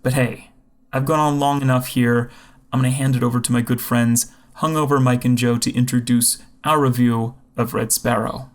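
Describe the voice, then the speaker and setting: A man's voice: medium pitch, steady tone, normal speed. A man reading a scripted merch promo for a podcast in a wry, upbeat tone. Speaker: podcast announcer.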